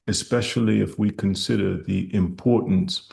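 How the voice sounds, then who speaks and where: A man with a very deep, heavily gravelly voice hosts a live stream question-and-answer session. He speaks slowly and formally, choosing elaborate words. His pitch stays flat and even. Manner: formal, measured, elaborate vocabulary. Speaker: host of a health live stream.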